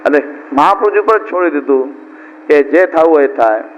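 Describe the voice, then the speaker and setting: A man's voice: on the high side, lively intonation, moderate pace, long reverb tail. A middle-aged man giving a devotional discourse as a preacher, talking in a conversational way and repeating points for emphasis. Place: discourse hall at a religious camp. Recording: dull lo-fi with faint hiss.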